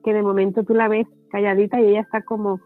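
A woman's voice: mid-range voice, level tone, fast. Puerto Rican businesswoman guest, friendly storyteller, thin phone-line sound, faint music behind. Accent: Puerto Rican Spanish. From Puerto Rico. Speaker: guest entrepreneur. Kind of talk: casual interview chat.

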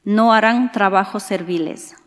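A woman reading scripture at Mass as a lector, in formal, measured recitation with a cathedral-like echo. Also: medium pitch. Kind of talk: liturgical scripture and psalm reading. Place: large reverberant church. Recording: echoing church acoustics with long reverb.

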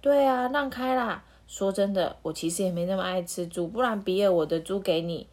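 Giggly greedy wolf, husky voice, woman doing it. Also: medium pitch, a little fast, darkish tone, close to an everyday voice. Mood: gleeful. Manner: gleeful, laughing. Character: cheerful, greedy male wolf.

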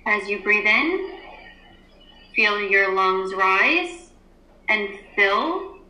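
A woman teacher leading a calm guided grounding and breathing exercise, giving soothing, unhurried instructions with long pauses. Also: mid-range voice. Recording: roomy, echoey indoor sound.

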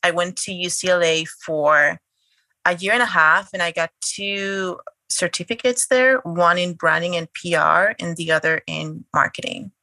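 A woman's voice: lowish voice, steady tone, a little slow, pushed and bright, dry recording. A woman, talking chattily as a podcast guest. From Spain. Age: late 20s. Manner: chatty, eager storytelling. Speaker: guest, blogger. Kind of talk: casual interview talk.

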